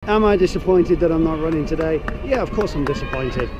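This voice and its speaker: A man's voice: a little high, lively intonation, fast, muffled recording, a crowd in the background. A man in his thirties talking casually to a camera held at arm's length while out on city streets. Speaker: vlogger. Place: outdoors on busy city streets. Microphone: action camera at arm's length. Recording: noisy outdoor city street, traffic.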